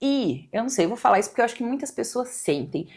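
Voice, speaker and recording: A woman's voice: a little high, sing-song, very fast, darkish tone. A Brazilian woman hosting a podcast, talking casually and hesitantly, circling her thoughts with many fillers. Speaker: podcast host. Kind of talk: casual conversation.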